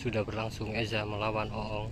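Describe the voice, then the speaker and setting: A man's voice: lowish voice, monotone, a little fast. A man giving live play-by-play commentary on a match, calling it in short, repetitive phrases. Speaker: kite-fighting match commentator. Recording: loud outdoor ambient noise.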